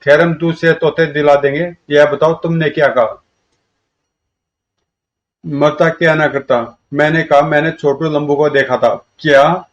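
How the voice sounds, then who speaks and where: A man with a somewhat high voice reads a comic story aloud, jumping between the characters' lines in a lively way. The recording sounds dull and lo-fi. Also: unhurried, long pauses. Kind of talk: reading a comic aloud, voicing all characters.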